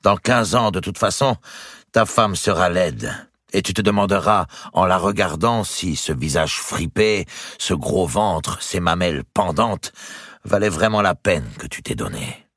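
A man's voice: low-pitched, lively intonation, unhurried, a bit bright, no echo, pitched above the performer's own voice, full character voice. A man doing a cynical old banker. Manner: dry, cynical, amused. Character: wry older male banker uncle.

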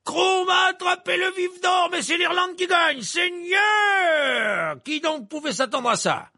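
A man voicing an excitable male match commentator in an audiobook, calling out names and drawing out his excited shouts. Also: very high-pitched, vocal fry, voice pushed up, heavily acted. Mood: elated. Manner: shouting, drawn-out excited calls. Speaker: sports commentator in a story.

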